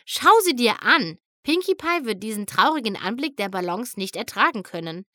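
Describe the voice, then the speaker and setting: A woman's voice: on the high side, animated, moderate pace, pushed and bright, dry recording. Storybook role: a cocky, sporty young pony girl, put on by a woman reader, dry close sound.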